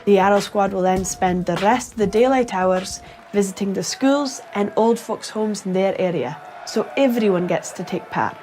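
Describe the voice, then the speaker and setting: A woman's voice: medium pitch, normal speed, over music. A woman from Shetland with a Shetland Scottish accent, presenting a scripted, humorous explainer in a playful way with theatrical emphasis. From Shetland, Scotland.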